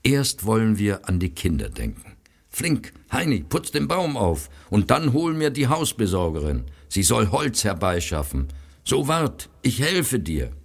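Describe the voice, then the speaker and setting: A kind, protective brother speaks gently to his family, as a man reading a story puts him on. The voice stays low and a little husky. He sounds steady and reassuring. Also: measured pace, exaggerated voice. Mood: brisk. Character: kind, warm-hearted man caring for his sister.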